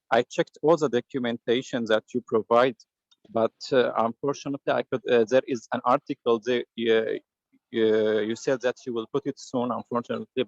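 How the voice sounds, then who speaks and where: A man speaks over an online call that keeps breaking up. His voice is gravelly and the sound comes through dull and muffled. He talks haltingly and fills his pauses with "uh.". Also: medium pitch, no echo. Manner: hesitant, halting, with many "uh"s. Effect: online call audio breaking up. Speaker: meeting participant asking a question. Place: noisy place on an online call.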